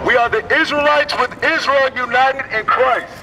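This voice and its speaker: A man's voice: very high-pitched, fairly even intonation, normal speed, over loud music. A man preaching on a city street, firing rhetorical questions at a passerby. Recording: distant mic, loud street noise.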